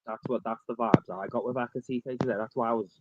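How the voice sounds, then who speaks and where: A man's voice: medium pitch, fairly even intonation, narrow, tinny audio. Man on a crackling, cutting-out mic. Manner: halting, repeats words as he restarts. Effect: crackling mic that keeps cutting out and dropping away. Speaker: caller. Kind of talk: casual football call-in chat.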